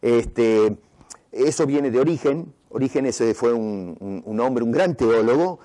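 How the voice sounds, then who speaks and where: Male pastor, lively emphatic sermon delivery, warm mellow tone. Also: medium pitch, a little slow. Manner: preaching with emphatic, rising and falling delivery; stumbles and restarts over words.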